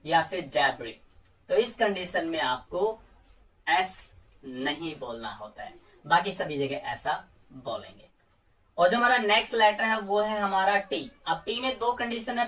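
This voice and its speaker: A man teaching English pronunciation in a coaching lesson, patiently saying example words slowly one by one. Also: high-pitched, sharp tone. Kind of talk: explaining silent letters in a lesson. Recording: voice a little far from the mic.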